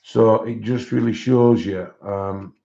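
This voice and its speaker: A man hosts an art livestream from a desk, an overhead camera on his hands, chatting casually while showing colouring books. He can't pronounce his R's properly, saying w for r. His fairly low voice is mellow and slow with vocal fry and a steady tone, and the sound is dull and lo-fi.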